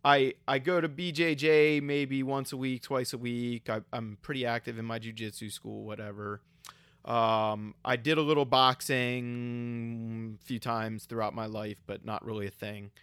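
A man co-hosting a casual podcast, walking through a hypothetical student step by step and pausing on filler sounds. His voice sits at an ordinary pitch, and the recording is dry, with no room sound. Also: steady tone, a bit bright, smooth, no echo. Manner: lays out an example step by step, with frequent ums. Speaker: podcast co-host.

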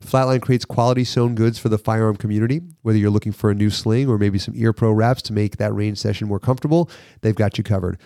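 A male podcast host with a slight cold and congestion chats loosely and reads sponsor spots in a casual podcast episode. His lowish, dark voice stays fairly even in intonation as he talks fast with few pauses. The audio is clean studio sound from a podcast mic, dry with no room sound.

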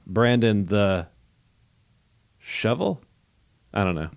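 A man's voice: on the low side, animated, slow, creaky, no room sound. Playful man hosting a church podcast. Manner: playful, joking, upbeat. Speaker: podcast host. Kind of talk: casual podcast chat and scripture reading.

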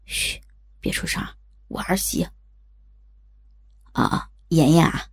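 Woman as shifty old man for audio fiction: gravelly, breathy, swinging pitch, hesitant muttering. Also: expressive, normal speed, full character voice. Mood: hushed. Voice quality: husky, breathy, creaky. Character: gruff, sly, lying old man, father-in-law.

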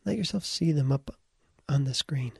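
A man leading a slow guided visualization, calm and soft-spoken, sometimes slipping into a whisper. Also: mid-range voice, vocal fry, husky, no room sound, clean studio sound. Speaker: guided meditation leader.

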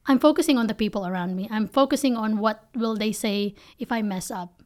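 With a mid-range voice and a slightly quick pace, a woman from the Philippines speaks with a Filipino accent, giving frank, forceful, conversational answers about her company as its founder.

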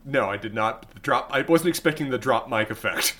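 A man's voice: medium pitch, brisk, pushed and bright. A man co-hosting a podcast who chats casually about a TV episode, with emphatic, dramatic phrasing and lots of fillers. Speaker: podcast co-host.

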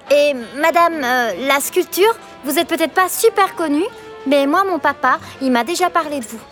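A very high, piping little girl, curious and bursting with imagination, as a woman puts her on. Her voice is breathless and giggly, with soft music running beneath her storybook adventure. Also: lightly acted. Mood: gentle. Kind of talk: children's audio drama acting.

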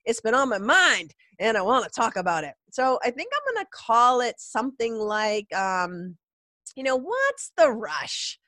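A woman's voice: a little high, very animated, normal speed, hardly any pauses, pushed and bright, no echo. A middle-aged woman with a congested, nasal voice from a cold, hosting a podcast in an informal, rambling, emphatic monologue. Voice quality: stuffy, nasal. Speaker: podcast host. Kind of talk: casual solo podcast monologue.

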